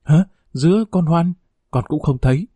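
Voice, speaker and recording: A man's voice: a little high, normal speed, warm tone, husky, dry recording. A man reading the part of an old peasant mother, fierce and grieving, in a pleading, scolding voice. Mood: anxious. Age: older.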